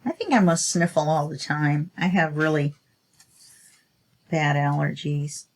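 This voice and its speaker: Sniffly and chatty, a woman with a deep voice narrates to herself as she shows a craft project on her crafting channel. It's a casual tutorial, and she speaks a little slowly through her stuffy nose.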